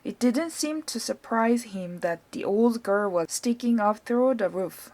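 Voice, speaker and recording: A woman with a Korean accent reading a children's novel aloud in a clear, even storytelling voice. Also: a little high, measured pace. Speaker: audiobook reader.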